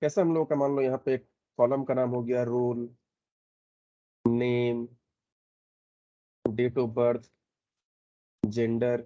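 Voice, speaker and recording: A man teaching a programming lesson, explaining step by step and often checking in with a quick "okay". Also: mid-range voice, flat delivery, mellow, muffled recording. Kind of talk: screen-recorded coding lesson.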